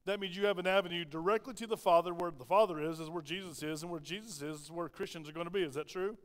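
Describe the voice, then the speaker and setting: A man's voice: high voice, quick pace, a bit bright. A man with a Southern American accent, preaching a sermon in a church and asking the congregation plenty of rhetorical questions. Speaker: pastor. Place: church sanctuary. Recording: long reverb of a church hall.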